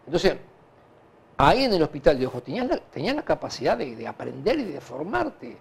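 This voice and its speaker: A man with a Uruguayan Spanish accent answering conversationally in an interview, halting and repeating himself as he recounts anecdotes. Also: on the high side, vocal fry, husky. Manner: animated, halting and repetitive, with frequent filler tags. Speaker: interview guest, hospital director.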